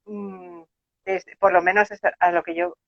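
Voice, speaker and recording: Una mujer con acento de España que conduce una conversación en directo y habla pensativa, dudando y con muchas muletillas. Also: female voice, lowish voice, flat delivery, measured pace, no echo. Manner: thoughtful, hesitant, many fillers. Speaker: host. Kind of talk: live conversation on non-duality. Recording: dry, muffled live-stream audio.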